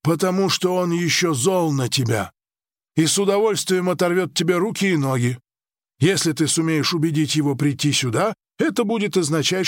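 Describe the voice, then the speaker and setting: A man voicing a calm, ironic ancient dream-weaver. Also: fairly high pitch, no echo, studio quality, voice pushed up. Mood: dry.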